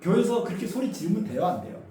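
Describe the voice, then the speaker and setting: A male pastor with a high-pitched voice preaches very fast, telling the story vividly, acting out voices and putting questions to the congregation. The animated sermon comes from a church sanctuary, picked up from far off in an echoey hall with faint noise.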